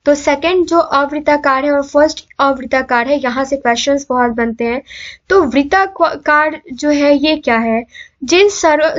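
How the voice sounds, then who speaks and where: High-voiced woman teaching Hindi grammar. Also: dull audio. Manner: asks rhetorical questions and answers them herself; sounds out letters slowly for students to repeat. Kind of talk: exam-prep video lesson.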